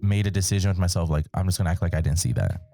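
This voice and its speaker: A young man with a low, mellow voice hosts a casual podcast chat. He laughs a lot and swears freely, keeping things loose and joking. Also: racing, vocal fry, faint music behind. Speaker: podcast host.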